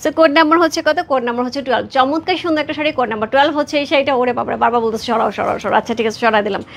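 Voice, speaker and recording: Fast-talking woman selling sarees live. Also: high voice, creaky. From Bangladesh. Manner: fast repetitive sales patter, chatting with viewers. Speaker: live sale host.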